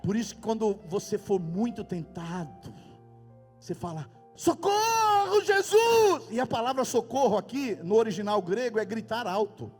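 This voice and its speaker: A pastor with a Brazilian Portuguese accent, preaching emphatically in a church hall with sudden loud outbursts. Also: male voice, high voice, moderate pace, slightly rough. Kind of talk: sermon. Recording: reverberant hall with faint music. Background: faint music.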